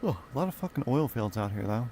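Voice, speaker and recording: A man's voice: mid-range voice, expressive, quick pace, warm tone, slight background noise. A man streaming a flight simulator, chatting casually in a rambling, profane, offhand way from his home gaming room at a desk mic. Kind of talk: casual live-stream chat.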